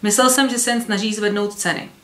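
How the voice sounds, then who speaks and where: A woman voicing a quick, watchful village man. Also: mid-range voice, steady tone, fairly bright tone, close to an everyday voice. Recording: roomy echo.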